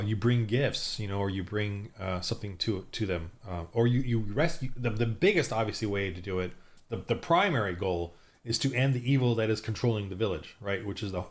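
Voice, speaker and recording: A man acting as game master, talking casually through his tabletop game prep, rambling with lots of restarts and fillers. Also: lowish voice.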